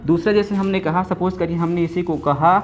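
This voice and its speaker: A man's voice: high-pitched, fairly even intonation, fairly quick, darkish tone, a little hiss or hum. Male teacher drilling students. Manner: asks students questions and answers them himself, repeats key words. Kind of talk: classroom grammar lesson. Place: classroom with a board.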